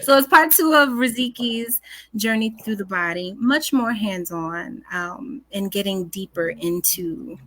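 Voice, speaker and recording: A woman facilitator describes a day's sessions in a soft, sultry voice during a casual livestream. Her pitch is mid-range. The sound is close and dry, with no room around it. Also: lively intonation, unhurried, dry recording, low-quality recording. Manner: soft, sultry delivery, breaks into laughter. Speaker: co-host and workshop facilitator.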